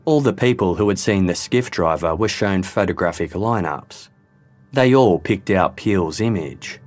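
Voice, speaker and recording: A man with a deep voice narrates true crime in an even, measured manner. His delivery stays sober and controlled throughout. Faint music sits quietly beneath him. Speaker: podcast host and narrator.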